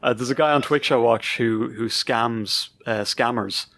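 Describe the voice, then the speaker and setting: A man's voice: medium pitch, unhurried. A man co-hosting a podcast in casual chat, musing aloud with fillers and restarts. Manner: relaxed, thinking aloud with fillers. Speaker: podcast co-host.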